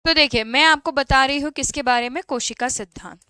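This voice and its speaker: A woman teaching an online class, explaining in Hindi, reading English questions slowly and answering students' chat questions by name. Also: high-pitched, sharp tone, no echo. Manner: mixes Hindi explanation with slow English read-aloud questions.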